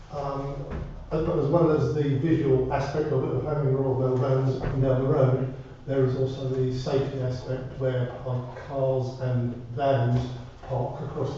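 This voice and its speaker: Very echoey, mellow man, polite and hesitant. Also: medium pitch. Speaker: resident speaking at public meeting. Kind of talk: spoken address to a council. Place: indoor parish council meeting room. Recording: muffled, echoey room, distant mic, faint noise.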